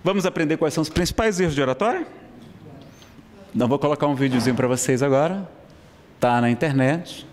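A man's voice: on the high side, brisk, pauses often. A Brazilian man teaching a public speaking class in a lecture room, talking conversationally and often checking in with the audience. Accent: Brazilian Portuguese. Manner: conversational, frequent "tá certo?" check-ins. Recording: long hall reverb.

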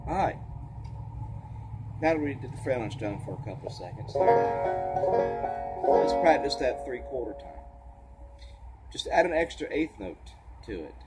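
A man teaching a clawhammer banjo lesson, a little tired, counting beats aloud in a relaxed, casual way. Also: mid-range voice, unhurried, long pauses, loud music behind the voice, poor audio. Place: porch. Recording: banjo playing behind.

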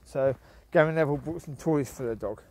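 A man's voice: on the high side, a little fast, mellow, a little hiss or hum. A man chatting casually as he walks his dogs outdoors along a countryside path, rambling and often restarting or trailing off. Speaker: vlogger and dog owner. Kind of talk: walk-and-talk vlog.

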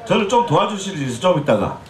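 Fairly quick and very animated, a forties-aged man from Jeolla teases and chats with the crowd in comic stage banter. He's a pumba street performer with a high, slightly scratchy voice, captured over an echoey outdoor festival PA.

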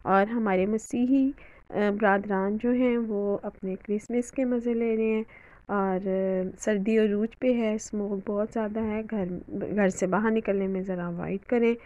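A woman's voice: medium pitch, steady tone, a little slow, warm tone, no room sound, highs cut off. A woman hosting a home cooking tutorial, talking in a chatty, homely way over the footage. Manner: chatty, homely, with religious greetings and fillers. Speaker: cooking channel host.

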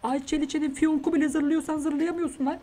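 A man giving comic, mocking reaction commentary over a reality show, with loud exasperated outbursts. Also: very high voice, level tone, fairly quick, background noise. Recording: show music playing underneath.

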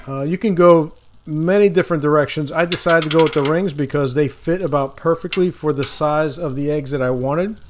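Cooking outdoors by a lake, a Florida man hosts a casual video for his channel, talking in a relaxed, rambling way while food sizzles on a griddle. His voice is a little high, with a bit of hiss or hum, and he corrects himself and chuckles at small mistakes.

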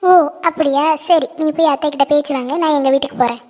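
A woman's voice: sits high, fairly even intonation, fast talker, noisy background, natural voice. A woman voicing a cheerful young woman in a cartoon, the heroine's best friend, with a playful, teasing, nosy way of talking. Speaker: cartoon character. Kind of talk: cartoon voice acting.

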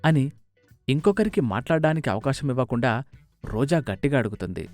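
A man narrating a scripted story, expressive and animated. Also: mid-range voice, brisk, no room sound, soft background music.

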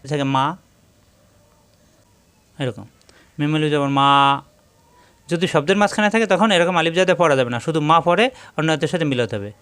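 A man's voice: fairly high pitch, fairly bright tone, clear, resonant tone, dry recording. Patient man teaching Quran reading. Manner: slow, patient, repeats each rule. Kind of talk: tajweed lesson.

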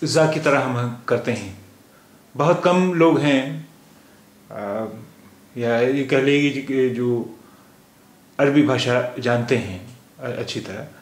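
A man's voice: medium pitch, roomy sound. A man with a Lucknow Hindi-Urdu accent teaching a language lesson, patiently repeating sounds to demonstrate them. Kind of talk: slow spoken lesson.

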